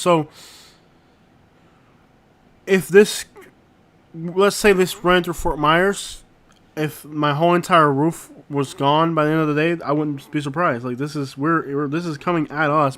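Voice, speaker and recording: A man hosting a casual live stream, talking in an informal, slangy and halting way and often repeating himself. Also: a little high, a bit bright. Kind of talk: casual live stream chat, reacting to viewers. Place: inside a rented house.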